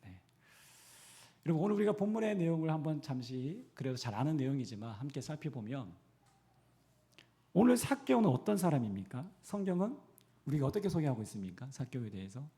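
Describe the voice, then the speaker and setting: A man's voice: fairly high pitch, very animated, fairly quick, dark tone. A male pastor from the Gyeongsang region, preaching a sermon in a church and putting questions to the congregation. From Gyeongsang region, Korea.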